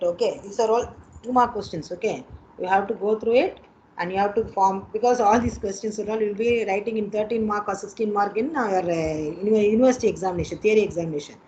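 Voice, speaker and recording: A woman's voice: mid-range voice, a little mellow. A woman with an Indian accent teaching an online engineering exam class, repeating points and checking in with students. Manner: repetitive, instructive, checking in with students. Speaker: engineering lecturer. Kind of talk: online exam coaching lesson. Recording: dull lo-fi online call with noise.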